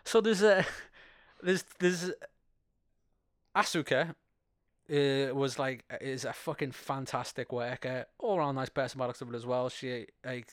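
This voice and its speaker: A man's voice: medium pitch, unhurried, clean tone, dry recording, clean studio sound. A man co-hosting a podcast, chatting casually and rambling about a TV episode, laughing often and swearing now and then. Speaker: podcast co-host. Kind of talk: casual chat reviewing a TV episode.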